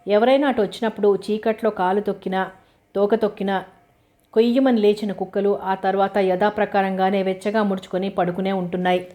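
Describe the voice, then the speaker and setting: A woman reading a novel aloud as an audiobook narrator. Her voice sits at a middle pitch, and she tells the story at a steady pace. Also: fairly quick. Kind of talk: scripted narration.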